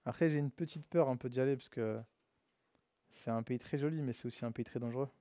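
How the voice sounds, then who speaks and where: A man's voice: medium pitch, fast, dry recording. A male coding instructor speaks to his trainees in a classroom. His delivery is loose and full of slang, and his voice sits in a middle register. The sound is close and dry. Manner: relaxed and slangy, addresses students as "les gars". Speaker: web development instructor. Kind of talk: casual live classroom lesson.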